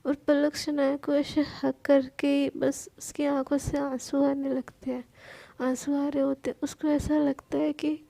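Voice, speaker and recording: A woman telling a serialized love story in a chatty, friendly way. Her voice is high with a gravelly edge and a dark, mellow tone. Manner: chatty, addresses listeners as friends. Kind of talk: casual storytelling.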